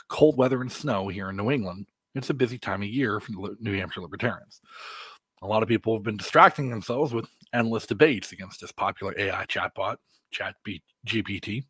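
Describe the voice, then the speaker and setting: An American man delivering a podcast monologue as host, in deliberate phrases with emphatic stresses. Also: lowish voice, fairly bright tone, husky, dry recording.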